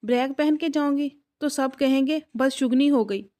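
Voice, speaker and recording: A stubborn, childish young bride protests in a whiny, petulant voice, as a woman narrator reads her part. The voice sits high and girlish throughout. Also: mellow, close to an everyday voice.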